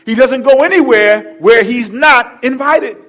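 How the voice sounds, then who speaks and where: High-voiced, animated male preacher. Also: a little slow, faint music behind. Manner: animated storytelling with repetition and asides to the congregation. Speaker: pastor. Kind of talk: sermon.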